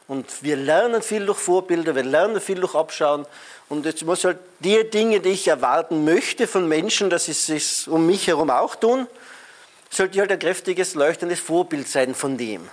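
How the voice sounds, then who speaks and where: Male speaker, middle-aged, high voice, energetic live-talk delivery with audience check-ins. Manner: lively, emphatic, talks to the audience with frequent "ja?". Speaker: speaker on leadership.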